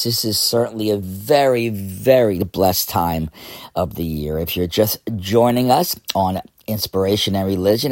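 A man with a hoarse, fairly low voice hosts an inspirational radio sermon. He speaks very slowly and earnestly, leaning on repeated phrases. The sound is close and dry. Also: darkish tone, dry recording. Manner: earnest, emphatic repetition of phrases.

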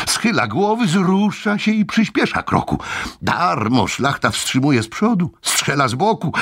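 A man giving a dramatic, theatrical reading of an epic poem, his voice rising in bursts and dropping low. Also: fairly bright tone, husky. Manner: theatrical, swinging between high bursts and low falls.

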